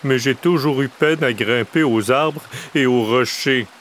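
A man's voice: medium pitch, unhurried, fairly bright tone, slight background noise, voice pushed up, natural voice. A man voicing a timid, weepy little male bear cub in a storybook reading, with a plaintive, whiny tone.

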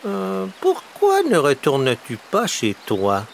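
A man voicing a clever, patient female crow in a storybook reading, slow and coaxing. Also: on the high side, wildly swooping pitch, vocal fry, a little hiss or hum, pitched above the performer's own voice, exaggerated voice. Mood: thoughtful.

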